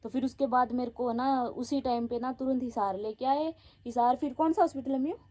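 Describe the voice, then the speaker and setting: High-voiced chatty young woman. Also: brisk, a little mellow. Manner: chatty, giggly, keeps addressing viewers. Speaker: vlogger. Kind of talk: casual storytelling to viewers.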